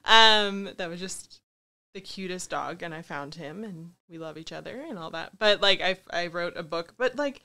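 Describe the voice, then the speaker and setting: A woman's voice: lowish voice, normal speed, pushed and bright. A woman guesting on a podcast, speaking in a candid, reflective and self-deprecating way in casual conversation.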